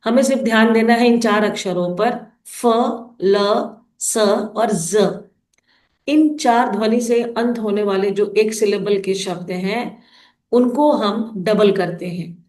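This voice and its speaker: A woman's voice: mid-range voice, a little slow, darkish tone, echoey room. A woman explaining phonics rules to teachers in an instructional lesson, sounding out letters one at a time.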